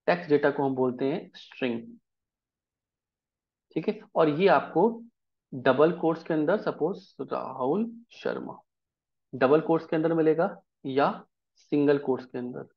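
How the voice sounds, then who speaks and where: A fairly high-voiced man walks his students through code, step by step. He keeps asking if everything is clear before moving on. The recording is dull and lo-fi. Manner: explains slowly, checks often if the class follows. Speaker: programming teacher. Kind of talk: live coding lesson.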